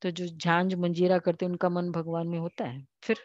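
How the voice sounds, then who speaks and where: An Indian woman giving a devotional class, slowly reading and explaining scripture, raising her voice when she quotes. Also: on the low side, flat delivery, a little mellow, dry recording, muffled recording. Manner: slow, explanatory, quotes the Father in a raised voice. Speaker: spiritual teacher.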